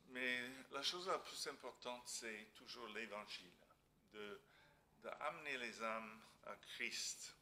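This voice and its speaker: A man with a foreign accent in French, a non-native speaker preaching a church sermon haltingly, searching for words and adding little tag questions. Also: lowish voice, bright, forceful tone, slight background noise. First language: not French. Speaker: visiting missionary preacher.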